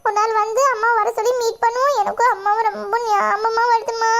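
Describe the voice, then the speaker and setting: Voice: extremely high pitch, little pitch movement, a little fast, gravelly, noisy background. A performer voicing a kind young aunt who looks after the children in a cartoon. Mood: comforting. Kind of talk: cartoon voice acting.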